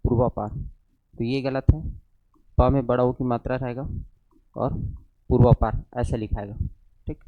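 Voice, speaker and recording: A man's voice: mid-range voice, level tone, normal speed, pauses often, dry recording. A man teaching a grammar lesson to a class, checking spellings with short questions and answers. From central India. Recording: dull lo-fi classroom recording.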